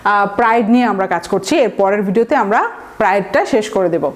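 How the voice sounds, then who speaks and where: A woman's voice: mid-range voice, brisk. A woman teaching vocabulary in a recorded online lesson, explaining words step by step and often checking understanding with tag questions. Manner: explains words step by step, mixing in English terms.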